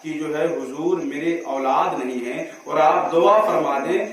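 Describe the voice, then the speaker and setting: A man preaching a sermon as a story, his voice rising to shouts at the climaxes, picked up through a stage microphone at a large religious gathering. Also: fairly high pitch. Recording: very echoey, far from mic.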